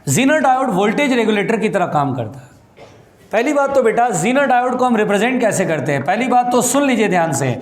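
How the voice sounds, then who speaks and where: A man's voice: high voice, sing-song, brisk, roomy sound. A man teaching physics in a classroom, repeating his points, calling students "beta" and scolding anyone who chats. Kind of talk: classroom lecture.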